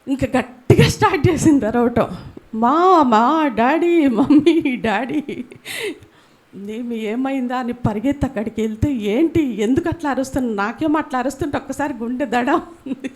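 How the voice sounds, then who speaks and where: High-voiced woman preaching a sermon. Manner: rises high and loud for emphasis, drops soft for scripture; storytelling with acted family dialogue.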